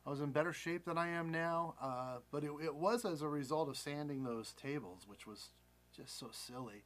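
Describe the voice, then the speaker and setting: A man's voice: on the high side, moderate pace, a bit bright. An American man in his forties telling a personal story casually, rambling and candid, often doubling back to correct himself. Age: 40s. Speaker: vlogger.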